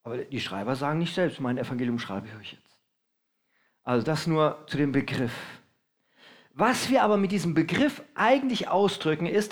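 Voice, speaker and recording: A man preaching a sermon in a high, light voice. He keeps asking his congregation questions. He briefly acts out the announcements of ancient heralds.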